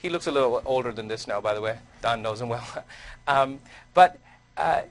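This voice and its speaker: A man's voice: mid-range voice, moderate pace. A middle-aged male surgeon giving an academic lecture, telling personal stories in a conversational way with frequent restarts.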